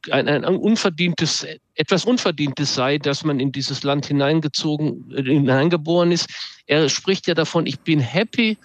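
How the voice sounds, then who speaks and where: Reflective expert man, slightly high voice. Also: no echo. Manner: measured, reflective, hesitant at times. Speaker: expert guest, social psychologist. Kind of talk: thoughtful radio discussion.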